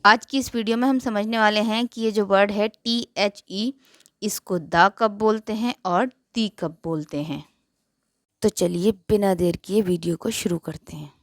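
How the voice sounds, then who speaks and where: A woman teaching a grammar lesson to her viewers, explaining slowly and carefully. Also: mid-range voice, no room sound, studio quality.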